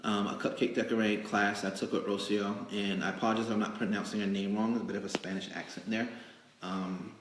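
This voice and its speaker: A man with a lowish pitch and level tone, a magazine editor, hosts an improvised live interview show indoors in a cake studio. He's casual and chatty but halting and rambling, and the roomy livestream audio echoes.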